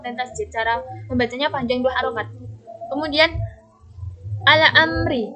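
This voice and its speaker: A young woman student reading out a tajwid lesson, stating each rule in a steady, methodical way and stretching out the quoted words slowly. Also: high-pitched, rough recording. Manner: steady recitation-style explanation, drawing out quoted Quranic words slowly. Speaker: university student. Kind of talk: reading a recorded tajwid assignment.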